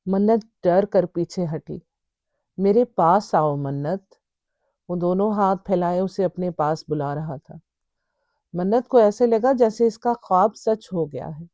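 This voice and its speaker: A woman narrating a scripted horror story in a measured, dramatic way. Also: medium pitch, warm tone, dry recording, muffled recording.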